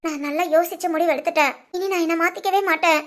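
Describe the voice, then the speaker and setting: A performer voicing a young cartoon sister, pleading and emotional, very high voice, quick talker. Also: steady tone, a bit bright. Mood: tearful resolve. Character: young woman, tearful devoted younger sister. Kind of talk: cartoon voice acting.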